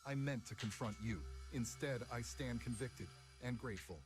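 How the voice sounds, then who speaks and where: An actor voicing a formal, courteous male character in a biblical video game, with measured scripted speech. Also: mid-range voice, soft background music, lightly acted. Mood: solemn, humbled.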